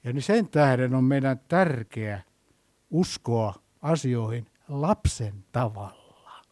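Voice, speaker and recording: A middle-aged man preaching a sermon, telling stories and moving between soft and loud delivery. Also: medium pitch, expressive.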